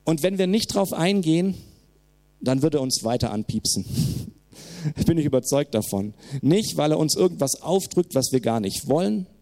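Male pastor, sermon, lively and emphatic, mellow tone, fairly high voice. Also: moderate pace. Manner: lively, emphatic, laughs between points.

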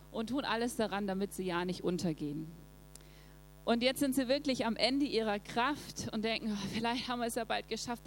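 A woman's voice: fairly high pitch, rough recording. Woman preaching with a faint hum. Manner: lively, laughs often, acts out quotes. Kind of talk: Bible devotional talk.

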